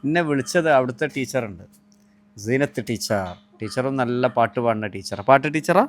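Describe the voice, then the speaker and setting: A man's voice: mid-range voice, animated, fairly quick, faint music behind. A man, a vlogger casually interviewing a child performer and urging viewers to comment and share.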